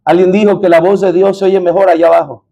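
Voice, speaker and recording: A man's voice: sits high, level tone, fast, creaky, warm tone, highs cut off. A man preaching a sermon as pastor in a church, often asking the congregation questions.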